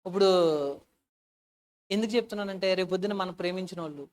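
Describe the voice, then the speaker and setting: A woman preaching a sermon with personal stories, earnest and emotional, often asking her listeners questions and swinging from soft to loud. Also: mid-range voice, steady tone, fast.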